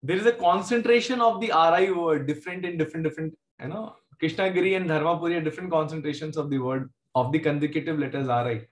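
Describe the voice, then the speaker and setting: He talks fast with few pauses, his voice on the high side and his accent South Indian. As a maths teacher in an informal online video class in an indoor room, he stays conversational and jokes with his students. The class audio has a roomy echo.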